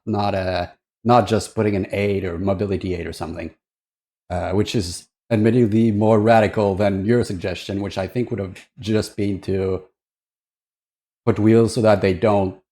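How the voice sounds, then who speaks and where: A man with a fairly low, slightly mellow voice chats casually as a streamer reacting on a livestream. He thinks aloud, rambling and hesitant.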